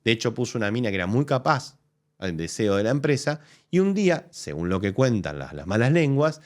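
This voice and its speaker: On a live show, an Argentine-accented man working as a political commentator host picks apart a press conference in casual, argumentative commentary. His mid-range voice runs fairly quick and animated, full of restarts as he reasons aloud.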